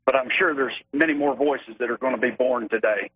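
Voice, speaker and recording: A man calls in to a talk show over a thin, tinny phone connection. His Arkansas accent is thick, and he makes his point earnestly, halting now and then in a folksy way. The voice sits at an ordinary male pitch. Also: breathy edge. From Arkansas, United States. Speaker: radio show caller. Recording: narrow tinny phone line.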